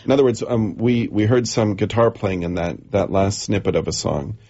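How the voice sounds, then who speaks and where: A man hosting a radio interview, speaking haltingly with many fillers. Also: on the low side, steady tone, mellow, highs cut off.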